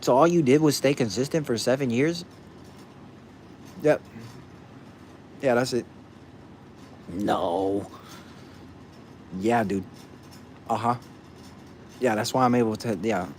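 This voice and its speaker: A man at a middle pitch chatting casually with his viewers, answering their questions one by one. He talks bluntly and curses freely, leaning on "bro" again and again. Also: a little slow, long pauses, darkish tone, a little hiss or hum. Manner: blunt, profane, says "bro" a lot. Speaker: streamer answering chat. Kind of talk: casual chat.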